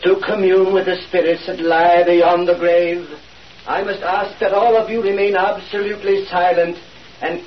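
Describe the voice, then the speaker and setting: An actor in a 1940s radio play, playing a fake mystic who leads a seance in a slow, solemn voice. The recording is an old radio broadcast. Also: male voice, a little high, close to an everyday voice. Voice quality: solemn, intoning. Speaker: medium. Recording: dull old radio broadcast, hiss, distant.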